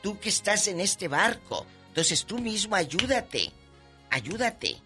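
Dramatic, lively male co-host. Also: high voice, slow pace, soft background music. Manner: dramatic, playful, exclamatory. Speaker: radio co-host. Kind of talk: radio talk show banter.

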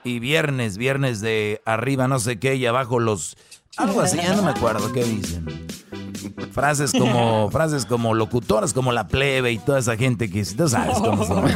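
A man's voice: medium pitch, animated, normal speed. Male sidekick, medium voice, chatty and teasing, over background music. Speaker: radio co-host.

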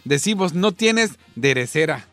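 A man's voice: a little high, animated, unhurried, sharp tone, no echo, soft background music. A man co-hosting a casual chat, reading listener messages and adding short remarks. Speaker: co-host.

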